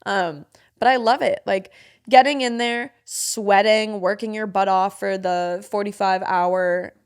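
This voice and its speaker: A woman's voice: mid-range voice, fairly even intonation, a little slow, smooth. A young woman co-hosts a casual podcast chat. She laughs a lot, swears casually, and speaks openly and emotionally about personal experiences. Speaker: podcast co-host.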